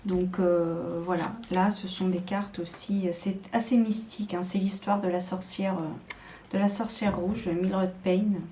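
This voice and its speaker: A woman's voice: lowish voice, fairly even intonation, measured pace, dark tone, slight background noise. A woman showing tarot decks to camera in a casual, hesitant chat full of fillers and restarts. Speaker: tarot video creator.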